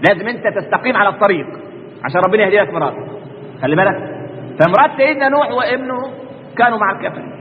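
A man's voice: sits high, animated, very fast, long pauses, big-room sound, muffled recording, a little hiss or hum. A man with an Egyptian accent preaching a colloquial religious lesson, constantly posing rhetorical questions and answering them himself. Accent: Egyptian Arabic.

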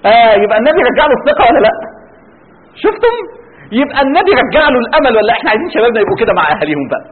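Animated high-voiced Egyptian preacher. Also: male voice, racing, long pauses. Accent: Egyptian Arabic. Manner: animated, rhetorical questions to the audience. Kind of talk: religious lecture. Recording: tinny band-limited with faint noise.

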